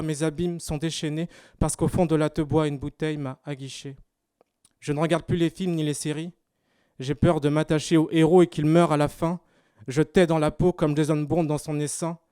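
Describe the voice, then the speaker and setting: Man, Parisian French accent, slam poet, rhythmic rhymed delivery, smooth mellow voice. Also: a little high, no room sound, clean studio sound. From France, Paris. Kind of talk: slam poetry performance. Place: live exhibition opening, indoors.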